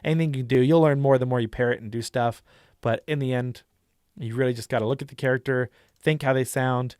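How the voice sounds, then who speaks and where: A man's voice: mid-range voice, fairly even intonation, brisk, darkish tone, smooth, no room sound, clean studio sound. A young man hosting a casual tutorial, chatty and demonstrative with lots of fillers. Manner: chatty, demonstrative, lots of likes and you-knows. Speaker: YouTube host and dungeon master.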